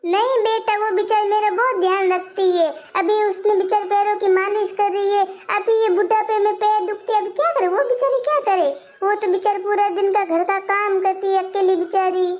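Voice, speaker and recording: A performer playing a soft-hearted elderly mother who gently placates her family in a comic skit. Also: extremely high pitch, fairly even intonation, moderate pace, hardly any pauses, muffled recording. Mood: placating. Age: older.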